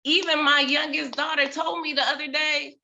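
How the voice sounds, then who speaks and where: On a video call, a mother in her thirties tells a personal story with expressive, dramatic delivery and big swings in loudness. Her voice sits high and gravelly, at a moderate pace.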